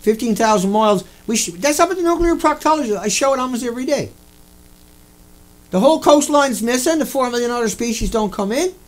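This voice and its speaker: A man delivering an angry, profane ranting monologue, repeating himself and bursting into shouts. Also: very high-pitched, expressive, brisk, low-quality recording. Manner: repetitive, profane, indignant. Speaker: video host.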